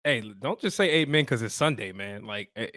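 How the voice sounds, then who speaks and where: A man hosting a casual comedic podcast in slangy, repetitive banter, his voice raspy and worn from partying. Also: mid-range voice, lively intonation, brisk, pushed and bright, dry recording, studio quality. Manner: bantering, slangy, repeats phrases. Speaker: podcast host.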